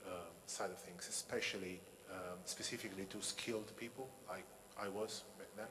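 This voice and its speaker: A man's voice: deep voice, fairly even intonation, normal speed. A man in his thirties from Italy with an Italian accent, hesitantly asking a question from the floor. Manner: hesitant, with ums. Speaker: audience member asking a question. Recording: hall reverb with ambient noise.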